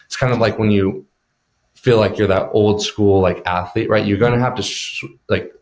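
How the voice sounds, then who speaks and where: A man with a fairly low voice chats casually as a podcast guest. He thinks out loud, circling back and putting reflective questions to the host. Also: moderate pace. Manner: reflective, asks searching questions. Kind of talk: casual interview chat.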